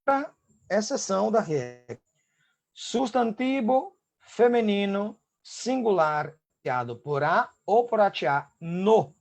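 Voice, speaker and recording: A man's voice: high-pitched, lively intonation, slow, darkish tone. A Brazilian man teaching an online Spanish class, explaining step by step and checking in often with his students. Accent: Brazilian Portuguese.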